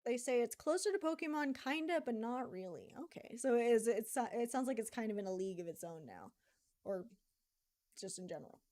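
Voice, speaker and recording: A woman streaming a card game, chatting casually, reading viewer comments aloud, thinking out loud and laughing often. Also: on the high side, animated, fairly quick. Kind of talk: casual live-stream chat while playing a card game.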